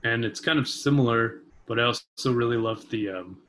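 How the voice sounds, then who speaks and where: A vibraphonist and composer in his thirties joins as a guest by webcam from his home kitchen, making casual, thoughtful conversation peppered with hedging fillers. His medium-pitched, slightly bright voice moves at normal speed over slight background noise.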